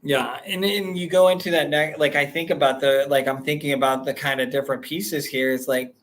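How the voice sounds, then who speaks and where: A man's voice: fairly high pitch, fairly even intonation, fairly quick, fairly bright tone. Man thinking aloud in podcast chat. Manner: thinks aloud, heavy use of "like". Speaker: real estate podcast co-host.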